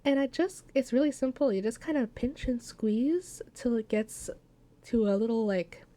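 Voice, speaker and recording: A soap maker hosts a hands-on craft tutorial, chatting casually in a slightly high, dark-toned voice at a moderate pace. She's playful and jokey, sprinkling in folksy made-up words.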